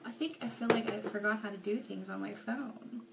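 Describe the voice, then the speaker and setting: A woman co-hosting a casual live stream, playful with quick short replies. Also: mid-range voice, fairly even intonation, vocal fry, recorded from a distance, very noisy. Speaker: co-host of a live makeup stream.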